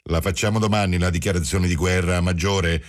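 A man voicing a calm, sly asylum doctor who explains things matter-of-factly. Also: low-pitched, brisk, natural voice. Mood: coaxing.

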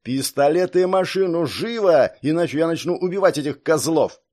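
A man's voice: a little high, lively intonation, moderate pace, voice pushed up, lightly acted. A man voicing a snarling hostage-taker. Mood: furious. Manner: barking, snarling threats. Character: menacing male hostage-taker, angry and jeering.

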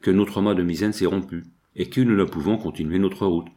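Awkward old sea captain, read by a man, low voice, plain and apologetic. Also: steady tone, brisk, dark tone, natural voice. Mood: sheepish.

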